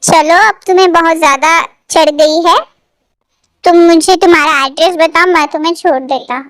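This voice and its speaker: A woman's voice: extremely high pitch, fairly even intonation, moderate pace, a bit bright, no echo, clean studio sound. A woman voicing a proud, brusque young man in a fan fiction story read aloud, speaking curtly.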